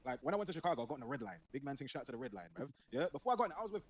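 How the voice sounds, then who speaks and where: A young man with a London accent, hosting a casual podcast chat and telling animated stories in British slang. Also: mid-range voice, rapid-fire, husky. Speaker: podcast host.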